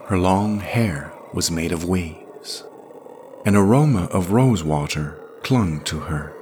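A man narrating a scripted fantasy story in a measured, expressive reading. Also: sits low, slight background noise.

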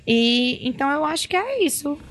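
A woman in casual podcast chat, animated and opinionated. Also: high-pitched, slight background noise. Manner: animated, fast-talking, opinionated.

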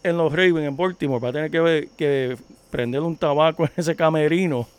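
A man's voice: on the high side, brisk, smooth, no echo. Chatty man talking football news. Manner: laughing, chatty, news-reporting. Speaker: podcast co-host. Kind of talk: casual sports talk.

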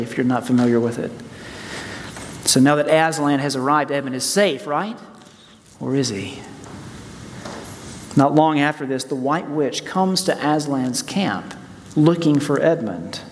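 A man's voice: mid-range voice, slight background noise. A man preaching a sermon as pastor, earnest, in a church sanctuary. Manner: earnest, preaching then praying. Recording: church hall reverb, soft music.

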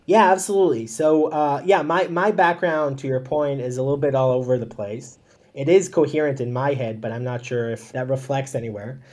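A man's voice: medium pitch, fairly even intonation, brisk, darkish tone. A man, a startup founder giving chatty, upbeat, self-deprecating answers in an interview. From Israel.

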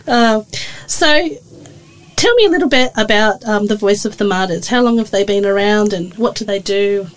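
A woman's voice: medium pitch, moderate pace, poor audio. Woman hosting a chatty podcast. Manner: chatty, relaxed with fillers. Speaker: podcast host. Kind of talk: casual podcast chat.

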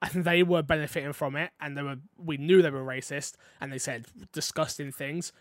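A man's voice: on the high side, steady tone, fairly quick, dry recording, studio quality. A man hosting a podcast, talking casually through gaming news and opinions. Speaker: podcast host.

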